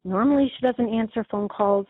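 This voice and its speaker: A middle-aged woman, a guest, retelling a scam call in a lively way, quoting each exchange and often restarting her sentences. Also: a little high, fairly quick, breathy edge, no room sound. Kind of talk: conversational storytelling. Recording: tinny phone-like line, dry.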